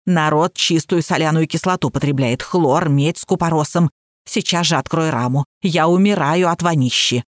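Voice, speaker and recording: A woman voicing an elderly, melodramatic grandmother who imagines illnesses, complaining loudly. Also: deep voice, moderate pace, no echo, studio quality, pitched below the performer's own voice, natural voice. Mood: whining. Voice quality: loud, trumpeting. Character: melodramatic old woman, hypochondriac, trumpeting complaints.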